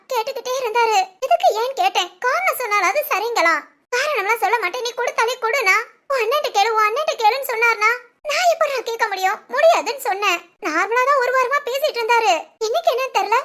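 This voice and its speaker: A woman voicing a worried middle-aged village mother in an animated family drama, talking in an anxious, hushed, pleading way. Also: very high voice, heavily acted.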